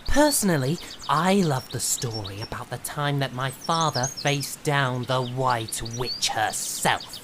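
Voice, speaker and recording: A man's voice: mid-range voice, lively intonation, a little slow, few pauses, noisy background, close to an everyday voice. A man playing a proud young prince and devoted son in a fan audio drama, with an earnest, grandiose delivery. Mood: proud, stirring.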